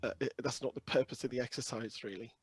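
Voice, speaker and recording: A man with a croaky, hoarse voice presenting a webinar over a video call in a humble, hesitant, explanatory way. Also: medium pitch, fairly even intonation, fast, no echo. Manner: humble, hesitant, softly hedging. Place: video call with screen sharing.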